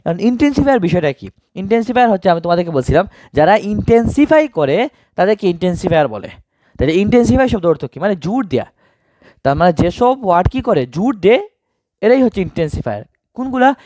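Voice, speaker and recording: Lively high-pitched male grammar teacher. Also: fast talker, no echo. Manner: asks questions and answers them himself. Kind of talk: exam-prep grammar lesson.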